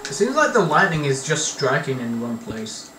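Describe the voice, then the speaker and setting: A man's voice: fairly high pitch, very animated, normal speed. A young man hosting casual gameplay chat, joking, laughing and swearing freely. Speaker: gaming channel host. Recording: echoey, far from mic, noisy.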